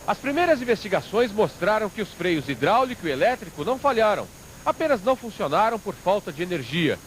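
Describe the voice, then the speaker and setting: A man's voice: high voice, very animated, brisk, a little hiss or hum. A Brazilian man reading a scripted television news report as a reporter.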